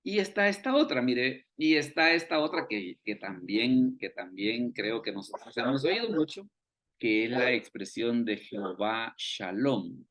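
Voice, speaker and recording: A man's voice: medium pitch, lively intonation, a little slow, fairly bright tone. A man with a mid-range voice leads an online Bible study over a video call. He explains step by step, poses rhetorical questions to his listeners and repeats key phrases to drive them home.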